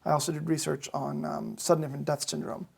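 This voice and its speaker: A young medical student from Massachusetts answers interview questions, explaining things carefully and hesitantly with frequent ums. His voice is fairly high and level in tone, a little fast, creaky with a breathy edge.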